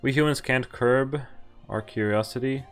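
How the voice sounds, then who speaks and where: Speaking at a normal pace in a clean, mid-range voice, a game streamer reads a visual novel aloud. Between lines he adds wry, throwaway asides, while the game's music plays underneath.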